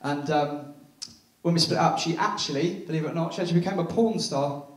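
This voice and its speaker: English man, stand-up comedian, bawdy punchy delivery, high voice, roomy theatre echo. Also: a little fast. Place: theatre stage before a laughing audience. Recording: echoey theatre, mic heard from a distance.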